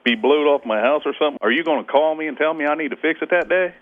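A man's voice: on the high side, quick pace, no room sound. Plain-spoken man on a phone line. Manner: plain-spoken, increasingly irritated. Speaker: prank call target. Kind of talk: phone conversation.

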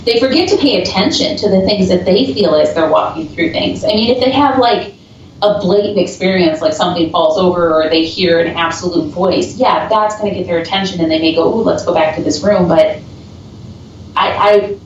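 A chatty woman with a slightly low voice tells her stories in quick bursts. She sounds distant from her mic, in a very echoey space on a dull, muffled remote line. A faint hiss sits under her voice. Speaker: paranormal investigator guest. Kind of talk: casual podcast chat over a call. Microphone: video call.

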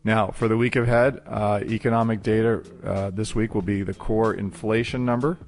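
Male finance show host, explanatory and conversational, poses questions then answers them, gravelly lower register. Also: steady tone, normal speed, faint music behind. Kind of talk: market commentary.

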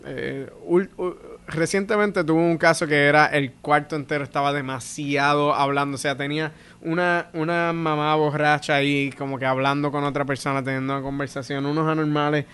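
Bright-voiced Puerto Rican comedian. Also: male voice, on the high side, a little fast, few pauses, clean tone. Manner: animated storyteller acting out quoted voices. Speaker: stand-up comedian, guest. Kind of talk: casual podcast chat.

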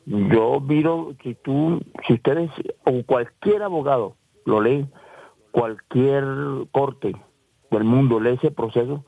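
A man's voice: medium pitch, slow pace, creaky, breathy edge, no room sound. A man in his forties with a Colombian Caribbean coast accent, telling his own story as an interviewee, rambling and restarting, often acting out the voices of others. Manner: rambling, repeats and restarts, acts out quoted voices. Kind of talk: emotional first-person account. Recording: dry, tinny phone-like line.

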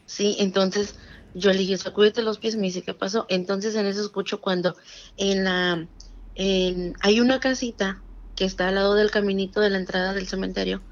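A woman's voice: mid-range voice, normal speed, dull audio. A woman with a Mexican Spanish accent telling a true scary story in casual conversation, acting out the voices of the people in it. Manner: animated retelling with quoted dialogue.

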